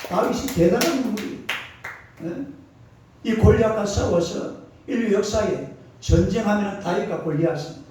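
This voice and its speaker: Animated pastor in an echoey sanctuary. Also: male voice, high-pitched, a little hiss or hum. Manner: animated call-and-response preaching, colloquial and emphatic. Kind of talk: sermon. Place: church sanctuary. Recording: distant, echoey, dull church recording.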